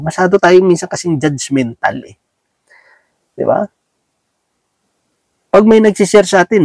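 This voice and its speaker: A man's voice: on the high side, darkish tone, no room sound. A man with a Filipino accent giving a casual, conversational sermon, often checking in with his listeners and acting out small everyday scenes. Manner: folksy, asks "di ba?" often, acts out little scenes. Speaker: preacher.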